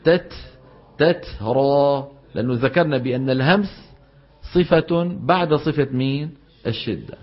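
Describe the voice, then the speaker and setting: A man's voice: on the high side, moderate pace. A man teaching Quran recitation in a classroom lesson, acting out right and wrong pronunciations and quizzing his students. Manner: demonstrates correct and faulty pronunciations, quizzes students. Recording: dull lo-fi lecture recording.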